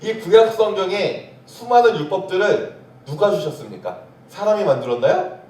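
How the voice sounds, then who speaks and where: A man's voice: sits high, animated, moderate pace, darkish tone. A man preaching a sermon as pastor. He keeps asking the congregation questions and then answers them himself. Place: church sanctuary. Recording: echoey church from far off.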